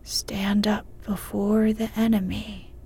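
A woman voicing a wise old male wizard, speaking in a slow, hushed whisper. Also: mid-range voice, little pitch movement, husky, heavily acted. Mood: calm counsel.

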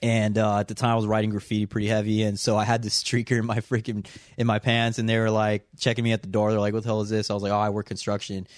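A man's voice: on the low side, fast, no echo, studio quality. Profane young man from Southern California. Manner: profane, laughing, animated storyteller. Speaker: podcast co-host. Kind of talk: casual storytelling chat.

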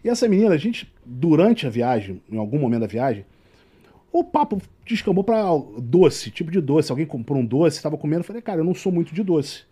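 A Brazilian-accented man, a tour guide, tells a story in relaxed conversation. His voice swings widely as he acts out what everyone said. The tone is warm and dark with a husky edge. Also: on the high side, fairly quick. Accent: Brazilian Portuguese. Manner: animated storyteller acting out quoted dialogue. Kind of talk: casual storytelling chat.

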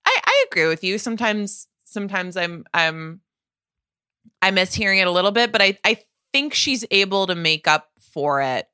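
A woman co-hosting a podcast, talking about songs in an animated, chatty way with many restarts. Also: mid-range voice, moderate pace, smooth, no echo. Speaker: podcast co-host. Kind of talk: casual music discussion.

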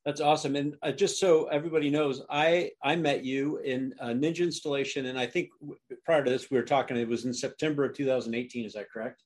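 A man's voice: mid-range voice, fairly even intonation, quick pace. A man hosting a podcast interview, enthusiastic and full of uhs as he talks. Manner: enthusiastic, filler-heavy with many uhs. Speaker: podcast host. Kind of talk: casual interview.

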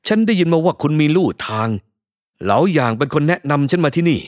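A man voicing a sly old man with a gold tooth, wheedling and smooth-talking. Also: fairly high pitch, expressive, fairly quick, no echo, studio quality, lightly acted. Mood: coaxing.

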